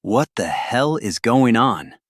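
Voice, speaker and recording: Man playing a highly animated, baffled intruder. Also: slow, no room sound, clean studio sound, soft background music, heavily acted. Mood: confused, alarmed. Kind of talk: dramatic film dialogue.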